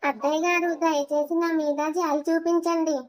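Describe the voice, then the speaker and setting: Pallavi is a frightened young wife in a cartoon family drama, voiced by a woman. She begs tearfully in a very high, thin voice, and the delivery stays flat and monotone. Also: moderate pace. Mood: pleading. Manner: tearful pleading.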